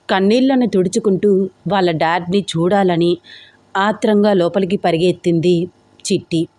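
A woman's voice: mid-range voice, warm tone, no room sound. A woman narrating a dramatic audio story as storyteller, in a flowing, dramatic way.

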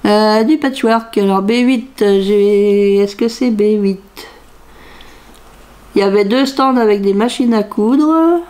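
Speaking a bit slowly in a dark, mid-range voice, this middle-aged crafts vlogger talks casually to camera indoors in her home craft room. She muses aloud as she searches through what she bought, half-singing phrases over and over.

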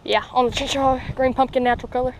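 A young man giving excited, rambling commentary outdoors by a pond, full of fillers and restarts. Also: very high-pitched, quick pace, a little hiss or hum, poor audio. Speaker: fishing vlogger.

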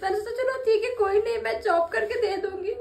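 Casting: woman as a very high-voiced, sobbing young woman begging for rescue, light background noise. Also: fairly even intonation, a little fast, a little mellow. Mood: pleading. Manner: tearful, pleading. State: crying. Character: frightened young woman trapped and pleading. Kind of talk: staged prank video acting.

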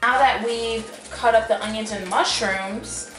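A young adult woman, a home cooking vlogger, speaks in a slightly high, bright voice with a steady tone and measured pace. Her talk is informal and rambling, peppered with "like" and "you know" as though chatting with friends. The camera mic sits across the table in her home kitchen, giving a roomy, distant sound with music behind her.

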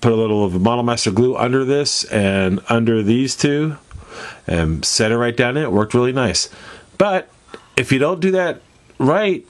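A man's voice: medium pitch, lively intonation, normal speed. A congested man with a nasal voice, casually walking viewers through a hobby demonstration in a folksy, rambling way. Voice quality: stuffed-up, nasal. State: congested from allergies. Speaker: host of a model-building tutorial. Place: indoors at a hobby workbench.

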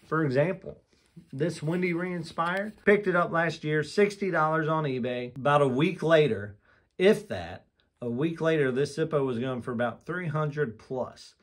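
Speaking at normal speed from his display room, a man whose voice sits a little high reviews a collectible lighter for a casual vlog. His talk is frank and eager, with sentences abandoned and begun again as he sorts out what to say.

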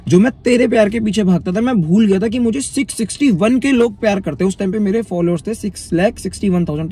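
A man's voice: high-pitched, dark tone, husky. A young man, telling his own story to his vlog viewers in a casual, chatty way and often calling them brother. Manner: chatty, frequently addresses viewers as bhai. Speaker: vlogger.

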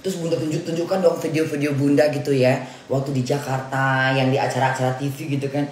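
A woman's voice: rumbling low, level tone, quick pace, a little mellow. A woman from Indonesia casually telling a story on her vlog, talking chattily with lots of repetition and acted-out dialogue. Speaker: vlogger. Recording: roomy echo with faint ambient noise.

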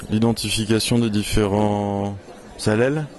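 A man's voice: fairly low pitch, fairly even intonation, moderate pace, darkish tone, faint music behind. A man giving articulate, blunt answers in a street vox pop, on a handheld mic outdoors. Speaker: street interviewee. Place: city square outdoors. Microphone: handheld interviewer mic.

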